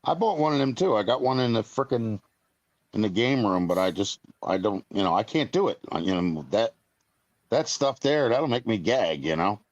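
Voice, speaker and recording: Low-voiced blunt man in his fifties. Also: expressive, normal speed, no room sound, lo-fi sound. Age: 50s. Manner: rambling, blunt, peppered with mild cursing. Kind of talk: casual live-stream chat.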